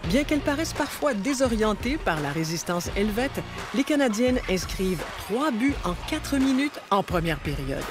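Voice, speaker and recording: A woman's voice: mid-range voice, very animated, moderate pace. A woman reading scripted narration for a sports documentary recap. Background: music bed.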